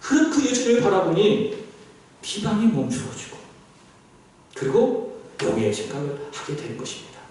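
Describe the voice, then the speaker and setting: Male pastor, high lively voice, preaching with questions to the pews; echoey church hall, mic at a distance. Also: normal speed, long pauses, slight background noise. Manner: animated preaching, asks the congregation questions. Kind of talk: sermon. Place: church sanctuary.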